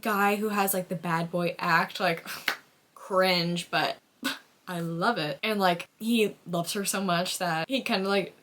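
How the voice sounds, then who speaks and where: A young adult American woman chatting casually in a reading vlog, with an expressive, gushing fangirl delivery and frequent use of "like". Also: medium pitch, slight background noise. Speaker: book vlogger.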